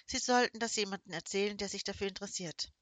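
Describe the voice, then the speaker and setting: A woman's voice: medium pitch, quick pace, fairly bright tone, no echo, natural voice. A woman voicing a young forensic assistant who speaks in a cool, curt and sarcastic way.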